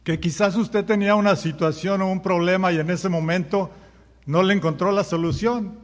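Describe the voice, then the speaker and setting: A long reverb tail trails the high, fairly level voice of a pastor speaking at a moderate pace. During his sermon he throws rhetorical questions at the congregation and dramatizes everyday expressions as if quoting people.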